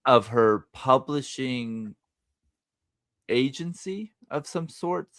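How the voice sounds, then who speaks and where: A man's voice: mid-range voice, lively intonation, takes it slowly, a bit bright, dry recording, clean studio sound. Rambling man chatting casually. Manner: rambling, many restarts, acts out quotes. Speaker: podcast co-host. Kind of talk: casual chat.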